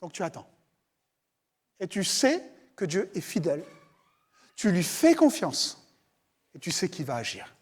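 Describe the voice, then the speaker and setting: A high-pitched man gives a sermon at a church service. He keeps it conversational, speaking straight to the congregation and circling back over his words. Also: huge pitch swings, a little slow, pauses often, slightly rough. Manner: conversational, addresses listeners directly, often repeats words. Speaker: pastor.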